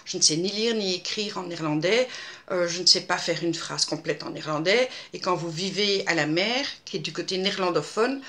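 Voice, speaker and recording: Woman in her fifties, crisp bright voice, halting and chatty, answering viewer questions. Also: fairly low pitch. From Belgium. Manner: hesitant, many fillers and restarts. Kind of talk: casual Q&A monologue.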